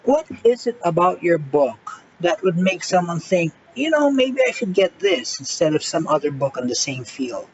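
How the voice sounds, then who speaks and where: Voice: medium pitch, sing-song, moderate pace, hardly any pauses. An interviewer asking questions in a casual, hesitant way. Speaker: interviewer host. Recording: lo-fi audio with clear background noise.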